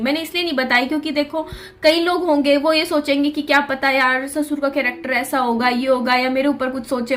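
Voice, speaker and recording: A young woman vlogger telling a personal story in an earnest, confiding way, often repeating herself. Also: sits high.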